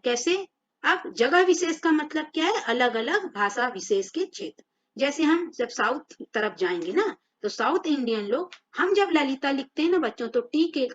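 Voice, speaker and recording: A woman's voice: on the high side, a bit bright. A woman teaching a grammar lesson to children, patiently spelling out words letter by letter. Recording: dull lo-fi audio.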